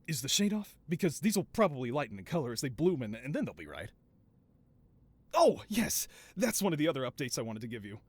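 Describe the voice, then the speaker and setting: In a scripted audio roleplay, a man plays a flamboyant, doting mad scientist who is a supervillain boss, sounding excited. His medium-pitched voice has no echo, and his manner is theatrical, wheedling, and self-justifying.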